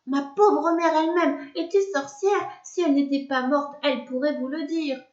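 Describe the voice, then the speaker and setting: A woman's voice: high voice, fairly even intonation, a little slow, darkish tone, pitched above the performer's own voice. A woman voicing a flustered man who pleads and apologizes to a witch. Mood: pleading. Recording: echoey room, dull lo-fi sound.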